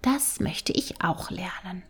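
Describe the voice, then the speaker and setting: A woman voicing a meek, eager little hare in a storybook, soft and pleading. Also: fairly low pitch, expressive, slow pace, breathy edge, in a whisper, heavily acted.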